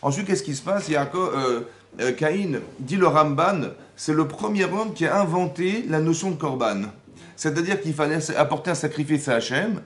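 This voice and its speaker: A man giving a lively Torah class as rabbi, asking the room rhetorical questions and acting out the dialogue he explains. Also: on the high side, normal speed. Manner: animated, acts out quoted dialogue, rhetorical questions. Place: Paris community hall.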